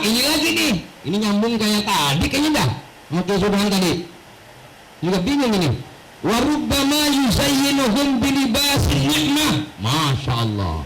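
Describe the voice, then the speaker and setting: Male preacher, high voice, slow delivery, lively joking sermon in a mosque, noisy recording. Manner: animated storytelling with jokes and Arabic quotations. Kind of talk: mosque study-circle sermon. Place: mosque hall.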